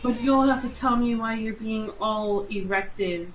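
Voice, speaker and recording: A woman reading the lines of a gushing gothic teenage boy in a comedic read-aloud, flat and matter-of-fact. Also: a little high, a little slow, dull audio, soft background music, close to an everyday voice.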